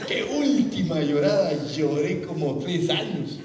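A man preaching a personal testimony to an audience, an animated storyteller who often laughs. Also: fairly high pitch, unhurried, very noisy. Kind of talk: sermon testimony. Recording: echoey hall, far from mic, audience.

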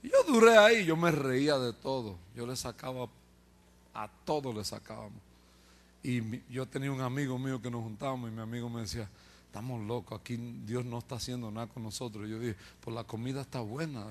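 Over a slight background hum, a man speaks in a mid-range voice. He's a preacher recounting his testimony with plenty of jokes, mimicking the people he quotes and chuckling at his own expense.

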